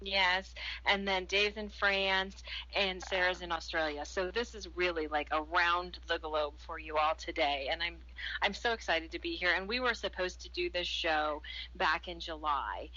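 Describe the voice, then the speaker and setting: A woman hosting a radio talk show, enthusiastic and effusive, rambling warmly between thoughts. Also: lowish voice, fairly even intonation, moderate pace, dull audio. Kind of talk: casual radio chat.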